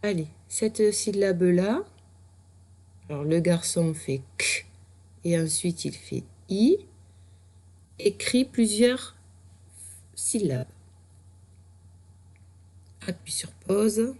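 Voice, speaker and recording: Slow, patient woman teacher. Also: mid-range voice, lively intonation, a little mellow. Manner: slow, patient, spells out letters and sounds. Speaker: primary school teacher. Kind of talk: recorded reading lesson for a child at home.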